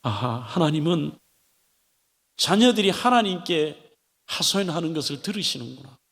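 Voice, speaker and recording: High, animated preaching man in a reverberant church. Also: normal speed. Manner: animated preaching, acting out pleading voices of biblical figures. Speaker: pastor. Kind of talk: sermon. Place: church sanctuary. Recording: long hall reverb of a church.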